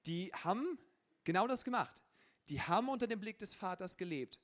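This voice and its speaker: A man preaching a lively sermon in a conversational, colloquial way, often adding a casual "ja". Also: high-pitched, normal speed. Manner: colloquial and conversational, with frequent filler ja. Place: church service.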